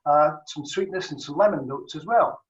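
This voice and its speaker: A man, a cheese judge, thinks aloud and weighs each word in casual tasting commentary. His voice sits a little high and sounds far from the mic, in an echoey room, through dull, muffled audio. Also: normal speed. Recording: distant, roomy, dull video-call audio.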